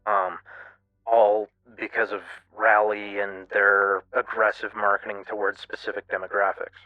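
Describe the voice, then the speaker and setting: A man giving a candid, casual personal monologue as a streamer, in a halting, self-reflective way. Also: fairly low pitch, level tone. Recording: muffled, roomy lo-fi radio-like sound, music behind. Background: music.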